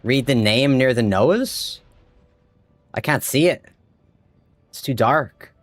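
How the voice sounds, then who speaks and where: Excitable Irish man streaming a game. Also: mid-range voice, slow pace, no room sound, faint music behind. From Ireland. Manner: excitable, swears freely, talks to chat. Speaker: livestream gamer. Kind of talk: casual live gameplay chat.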